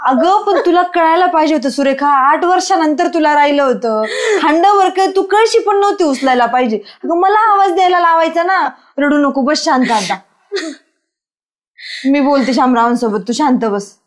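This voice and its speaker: A woman's voice: sits high, moderate pace, close to an everyday voice. A woman playing a village friend who scolds and comforts in turn in a web drama. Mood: chiding. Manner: chiding yet comforting.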